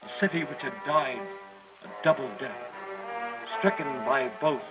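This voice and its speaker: A man's voice: mid-range voice, a little slow, dull audio, close to an everyday voice. Professor Arnaud, a man as an earnest scholar over music. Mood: awed narration. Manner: earnest, descriptive, theatrical. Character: awed, learned male French professor, narrating his voyage. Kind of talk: old-time radio drama narration and acting. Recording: old radio recording with loud music.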